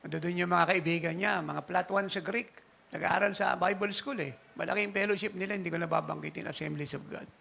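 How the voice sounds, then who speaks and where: A man preaching a sermon in church, telling a story in an animated way and chuckling at it. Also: high voice, fairly quick, gravelly, slight background noise. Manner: animated anecdotal preaching, laughing at his own story. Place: church service.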